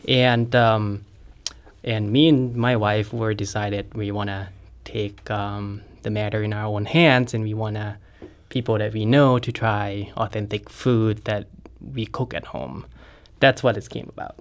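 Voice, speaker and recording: Low, flat-voiced man. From Thailand. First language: Thai. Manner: halting, simple phrasing, many ums. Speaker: guest, home cook. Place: radio studio.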